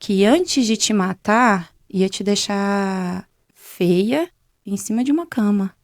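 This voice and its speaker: Gravelly-voiced woman telling her testimony. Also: medium pitch, slow, no room sound, clean studio sound. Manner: retells events with many quoted exchanges in a conversational way. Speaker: guest sharing a faith testimony. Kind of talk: personal testimony storytelling.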